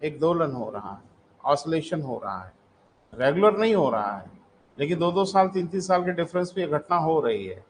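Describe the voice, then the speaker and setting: A man's voice: fairly high pitch, very animated, moderate pace, slight background noise, low-quality recording. A male teacher giving a live online lecture, dictating notes, asking check questions and calling his students "beta".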